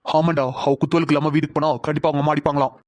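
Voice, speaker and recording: A man's voice: on the high side, little pitch movement, rapid-fire, darkish tone, dry recording, close to an everyday voice. A man voicing a cocky, teasing young man in a cartoon. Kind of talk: cartoon voice acting.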